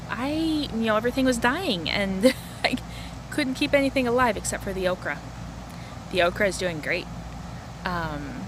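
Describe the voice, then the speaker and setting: A woman chatting casually and informally to camera outdoors, rambling a little as she hosts a home gardening vlog. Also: mid-range voice. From lives in the Arizona desert, US. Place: outdoors in a backyard garden and porch. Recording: noisy outdoor recording with ambient sounds. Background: rooster crowing, chickens, outdoor ambience.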